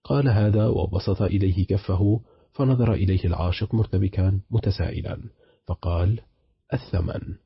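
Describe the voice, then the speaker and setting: A man narrating a short story for an audiobook in a measured, dramatic storytelling manner. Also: low-pitched, vocal fry, breathy edge, dry recording, highs cut off.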